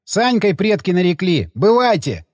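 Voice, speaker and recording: A man's voice: high-pitched, very animated, moderate pace, darkish tone, no room sound, clean studio sound, big-room sound, pitched above the performer's own voice. A man voicing a shy, earnest young male sniper who stumbles over his words. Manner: hesitant, stumbling.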